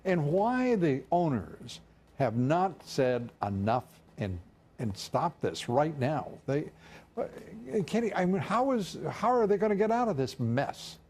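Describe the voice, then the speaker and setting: An older male TV news host who leads a panel and pauses often with fillers. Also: fairly high pitch, sing-song, a little mellow, a little hiss or hum. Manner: hesitant with many fillers. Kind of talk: cable news anchor segment.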